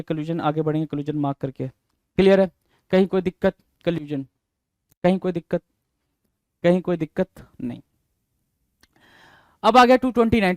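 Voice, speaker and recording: Male tutor, high smooth voice, dry close mic, chatty and repetitive. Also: darkish tone, dry recording. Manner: chatty, repeats each word and keeps asking the class questions. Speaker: exam vocabulary teacher. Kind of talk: Hindi-English classroom explanation.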